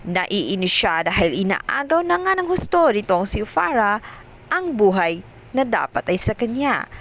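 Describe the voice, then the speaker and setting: A woman narrating a casual recap of a TV drama episode, telling the story quickly with many fillers. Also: a little high, a bit bright.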